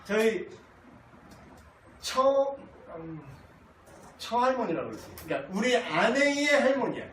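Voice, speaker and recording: Blunt, animated man teaching a Bible class. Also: very high voice, takes it slowly, slight background noise. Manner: blunt, joking, animated storytelling. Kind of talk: casual Bible class lecture. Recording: echoey room, distant mic, faint ambience.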